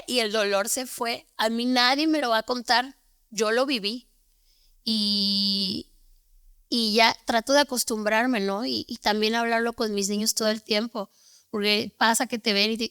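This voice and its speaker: A woman's voice: fairly high pitch, fairly bright tone, smooth, dry recording, studio quality. A young adult woman, a teacher, telling stories earnestly and often tagging her points with a questioning "¿no?". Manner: earnest, repeats words, tags with "¿no?". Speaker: guest, teacher. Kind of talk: conversational storytelling.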